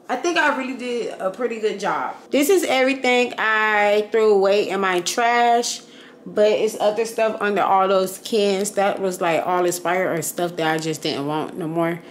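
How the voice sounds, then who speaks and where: Young female vlogger, chatty and slangy, mid-pitch, roomy apartment echo, faint background hum. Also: measured pace. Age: young adult. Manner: chatty, talks straight to camera, slangy and animated. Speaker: lifestyle vlogger. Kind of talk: casual vlog narration. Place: apartment kitchen and living room, indoors. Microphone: handheld or propped camera at close range. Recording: echoey apartment room, faint ambience.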